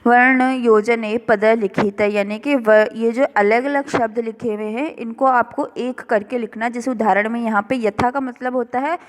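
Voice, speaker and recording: Slow, careful woman teacher in a reverberant room. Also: on the high side, steady tone. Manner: slow, careful word-by-word explanation. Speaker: school teacher. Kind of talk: recorded classroom revision lesson.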